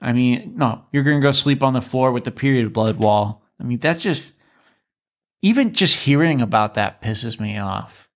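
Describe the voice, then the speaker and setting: A man hosting a casual interview, talking in an animated, sarcastic way. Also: medium pitch, normal speed. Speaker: podcast host.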